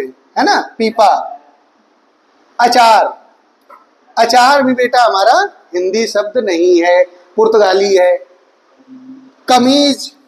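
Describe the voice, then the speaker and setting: A man's voice: extremely high pitch, low-quality recording. A man teaching an online exam-prep Hindi class, listing words and quizzing his students with rhetorical questions, calling them his children. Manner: addresses students fondly as children.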